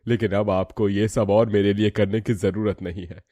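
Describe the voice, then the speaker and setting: A man voicing a humble husband and father in a cartoon story, speaking softly, politely and in a measured way. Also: fairly low pitch, fairly even intonation, no room sound, studio quality, lightly acted. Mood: grateful. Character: humble grateful male husband, recovered father.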